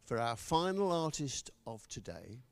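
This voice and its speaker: A man's voice: medium pitch, big pitch swings, measured pace, vocal fry. A man hosting an art event who enthusiastically introduces the next artist on stage. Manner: enthusiastic, praising. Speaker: event host.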